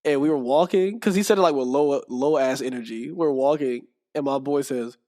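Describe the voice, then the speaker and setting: In a casual podcast chat, the young guest tells stories at a moderate pace with a medium pitch. He's lively, laughs often, and reenacts what people told him.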